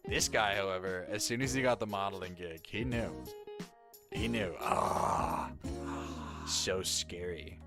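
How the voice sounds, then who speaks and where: A man's voice: deep voice, measured pace. A man chatting casually on a stream, jokey and reactive, laughing often. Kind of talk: casual chat. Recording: music playing under the voice.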